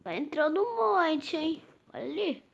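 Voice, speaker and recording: A woman's voice: high-pitched, sing-song, a little slow, gravelly, muffled recording. A woman with a Brazilian Portuguese accent giving live gameplay commentary, impatient and repeatedly urging things along. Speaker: gameplay youtuber. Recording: loud background noise.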